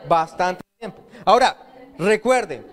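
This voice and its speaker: Man, pastor, sermon, high-pitched, call-and-response questions. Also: lively intonation, takes it slowly. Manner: asks the congregation questions and answers them himself. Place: church.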